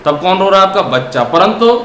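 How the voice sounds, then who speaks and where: A man teaching grammar. He asks questions and answers them himself, and he draws words out slowly when he dictates examples. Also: high-pitched, expressive, a bit bright. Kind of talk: classroom grammar lesson. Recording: echoey room with faint noise.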